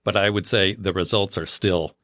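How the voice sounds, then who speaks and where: A man's voice: deep voice, steady tone, moderate pace, fairly bright tone, dry recording. A man co-hosting a podcast, explaining things in a confident, opinionated, casual way. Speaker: podcast co-host.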